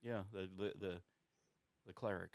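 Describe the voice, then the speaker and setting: A man's voice: low-pitched, fairly even intonation, normal speed, creaky. A man voicing an ancient, sleepy druid in a tabletop game, hesitant and rambling as he thinks aloud. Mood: hesitant recollection. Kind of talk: improvised in-character tabletop role-play.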